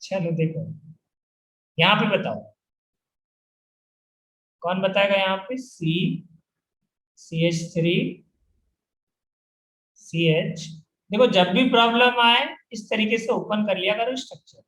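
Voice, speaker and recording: Slow and pausing often, a man with a high-pitched, fairly bright voice teaches chemistry to a class. The lecture, recorded in an echoey room, has him repeatedly questioning students and drilling the answers.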